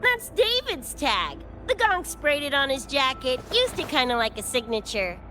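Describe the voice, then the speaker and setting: In animated video game voice acting, a woman plays a brash, cocky young mercenary full of slangy, streetwise swagger. Her full character voice sits high, bright and forceful, with big pitch swings at a moderate pace. The mood is breezy and enthusiastic, with music under the voice.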